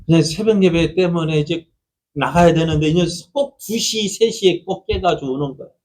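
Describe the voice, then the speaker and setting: A middle-aged male pastor delivers a Sunday sermon in a fairly high voice. His tone is conversational, and he keeps turning questions out to the listeners. He acts out quoted lines in a raised voice. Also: normal speed, a little mellow, slight background noise, low-quality recording. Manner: conversational, asks the congregation questions.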